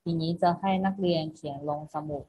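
A woman teacher with a low-pitched, dark voice talks a little fast during her online class. She repeats every instruction with patience, adding a polite particle at the end of each phrase, on a muffled recording with faint noise.

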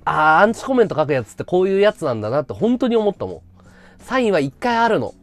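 A man live-streaming a casual chat, blunt and ranting, swinging from loud outbursts to low mutters. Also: big pitch swings, fast, faint music behind.

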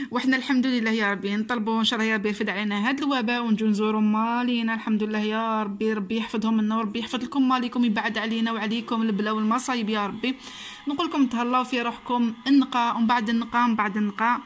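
Fast-talking Algerian woman vlogger. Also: a little high. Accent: Algerian Arabic. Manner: chatty, repeats phrases for emphasis. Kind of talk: casual chat to camera.

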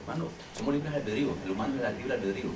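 A man's voice: mid-range voice, rapid-fire. A man, a deliverance minister, teaching a small group informally, repeating himself and checking in with "ok?" and "understand?". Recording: echoey room, distant mic, noisy.

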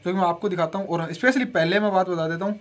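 A man's voice: high voice, steady tone, racing. A young man from Rajasthan vlogging casually, rambling to his viewers, filmed on a phone at home and in a shop. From Rajasthan, India. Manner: chatty and rambling, addresses viewers as guys. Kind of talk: casual vlog chat. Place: home courtyard, then a clothing shop. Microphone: phone camera, no earphone mic.

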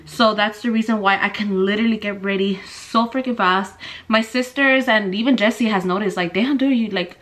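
A woman's voice: mid-range voice, steady tone, moderate pace, fairly bright tone. A woman in her twenties chatting casually through a get-ready-with-me makeup routine, full of "like" and "dude", a little out of breath. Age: 20s. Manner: chatty, filler-heavy with "like" and "dude". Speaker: family vlogger.

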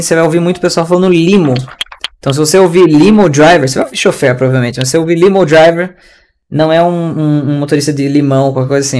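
A man's voice: on the high side, a little mellow. A man with a Brazilian Portuguese accent teaching an online English class in a chatty, slangy, ranting way over a video call.

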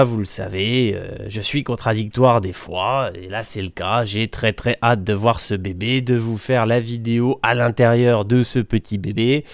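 Male gaming vlogger, chatty and colloquial, crisp dry voice. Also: medium pitch, darkish tone, no echo. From France. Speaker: gaming YouTuber. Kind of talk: casual news vlog. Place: countryside home.

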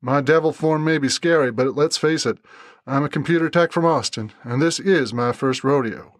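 A man voicing a slight young man with a soft Texan accent who speaks calmly and politely. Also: fairly high pitch, no echo, studio quality, close to an everyday voice. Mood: planning. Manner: calm, polite, measured.

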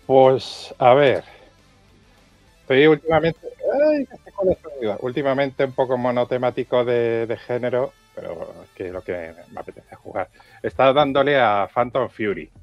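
A man's voice: medium pitch, normal speed, no echo. Guy rambling about games, muffled lo-fi headset mic, dry, bit of music under. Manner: rambling, searching aloud for names. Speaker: podcast co-host. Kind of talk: casual chat about video games.

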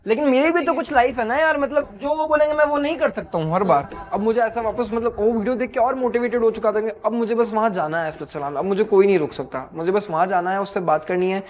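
A man's voice: high-pitched, fast, hardly any pauses. A young man speaking as a reality show contestant in a confessional interview, emotional and earnest, mixing English phrases into his Hindi.

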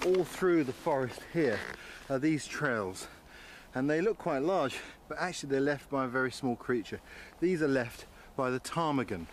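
Faint ambient noise sits under a clip-on mic recording of a middle-aged English-accented man in a snowy forest. Speaking at medium pitch, the wilderness presenter narrates and explains survival skills in a calm, friendly, measured way, enthusiastic about nature.

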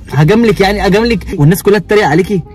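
A man's voice: high voice, rapid-fire, a little mellow, breathy edge. A young man with an Egyptian accent, bantering and teasing his wife in a car, swearing oaths and laughing. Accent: Egyptian Arabic. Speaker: vlogger, husband. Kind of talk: prank vlog banter. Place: inside a car.

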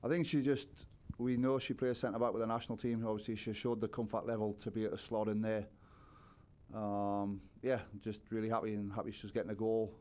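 A man's voice: on the low side, little pitch movement, a little fast, mellow. A man in his forties, a head coach, giving thoughtful postgame answers at a press conference, seated at a table with a microphone. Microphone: table microphone on a stand.

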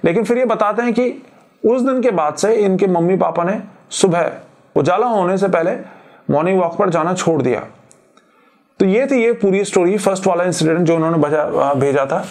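Chatty high-voiced Indian man telling a horror story. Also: moderate pace, a little mellow. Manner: conversational, thinks aloud with many fillers and restarts. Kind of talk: casual retelling of a listener's story. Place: Delhi.

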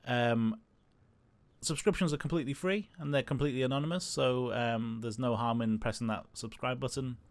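A man hosting a gaming channel, chatting casually over gameplay in a hesitant, filler-heavy way, as if thinking out loud. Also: mid-range voice, steady tone, normal speed, no echo.

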